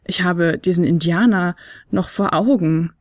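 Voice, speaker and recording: A woman voicing the little flute player, a small level-headed boy in an audiobook, speaking calmly and matter-of-factly. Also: fairly low pitch, a little slow, no echo, studio quality. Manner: calm, flat and matter-of-fact. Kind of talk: audiobook character voice.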